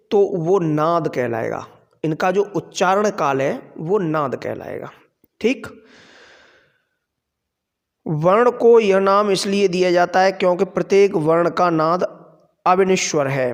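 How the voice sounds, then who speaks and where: A man teaching a grammar lesson, explaining slowly and asking questions that he then answers himself. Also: high voice. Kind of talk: classroom lecture. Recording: long hall reverb.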